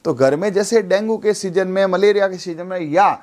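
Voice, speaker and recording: A man's voice: sits high, normal speed, a little mellow. A man teaching chemistry, repeating his points and asking and answering his own questions. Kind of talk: classroom lecture with call-and-response drills.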